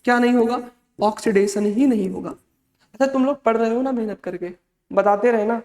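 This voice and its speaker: An extremely high-pitched man with a darkish tone teaches chemistry at a moderate pace for online exam prep. He drills the essentials again and again, calls students "beta," and sounds fatherly and motivating, with long reverb from the echoey room.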